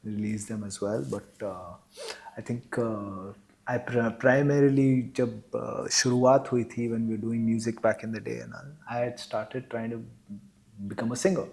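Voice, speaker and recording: A middle-aged Indian man with a gruff, throaty voice speaks in an Indian English accent. He talks at an easy, unhurried pace and drifts between English and Hindi phrases. His sentences ramble and are full of fillers. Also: medium pitch, little pitch movement, a little mellow, rough recording. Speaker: guest musician and producer. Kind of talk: casual interview talk.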